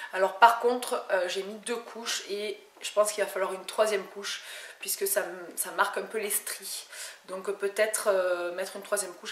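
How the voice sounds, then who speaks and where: A woman from France chatting casually through a beauty haul, hesitating often and restarting her sentences. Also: mid-range voice. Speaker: beauty vlogger. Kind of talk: casual haul video chat. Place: home room. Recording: echoey room with faint noise.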